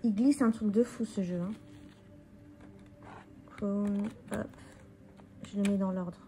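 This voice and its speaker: Slow, mellow-voiced tired woman. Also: mid-range voice, fairly even intonation, soft background music. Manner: musing, thinking aloud while turning cards. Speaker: tarot card reader presenting a deck. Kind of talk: casual deck walkthrough.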